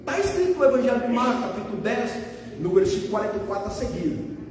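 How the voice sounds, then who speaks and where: A man preaches to his congregation in an emphatic, conversational way, his voice very high and lively. He is recorded from far back in a church hall with a long, echoing reverb and a little background noise. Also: fast. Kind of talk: sermon.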